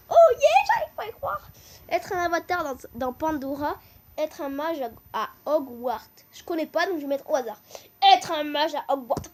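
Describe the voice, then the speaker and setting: A high-pitched woman on a gaming channel casually reads out would-you-rather choices, breaking into excited yells and repeating her teasing catchphrase.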